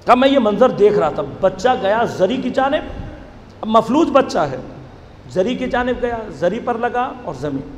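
High-voiced man preaching in an echoey hall. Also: lively intonation, moderate pace. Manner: dramatic, builds to loud impassioned outbursts. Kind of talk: emotional storytelling sermon. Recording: echoey hall with faint noise.

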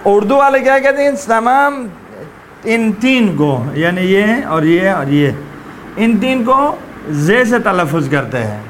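A man with a high voice teaches Quranic pronunciation to a class. He repeats each letter sound slowly and keeps asking whether the students understand. Faint vehicle noise sits in the background. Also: animated.

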